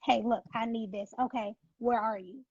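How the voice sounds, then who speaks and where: A woman's voice: a little high, steady tone, moderate pace, darkish tone, breathy edge, dry recording, highs cut off. A woman who founded a nonprofit, speaking as an interview guest in an earnest, faith-driven, emphatic way. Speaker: nonprofit founder, former NICU mom.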